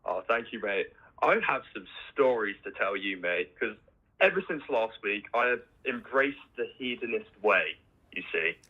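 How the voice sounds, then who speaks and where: A man's voice: fairly low pitch, lively intonation, moderate pace. A man calling into a show, chatting casually and tagging his sentences with little asides. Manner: chatty, tags sentences with "you see". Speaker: caller. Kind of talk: casual phone-in chat. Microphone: phone. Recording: dull phone line.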